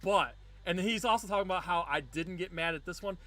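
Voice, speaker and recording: A man with a high, bright voice hosting a relaxed live-stream chat. He talks excitably and breaks into loud cheers when something thrills him. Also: fairly quick. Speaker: show host.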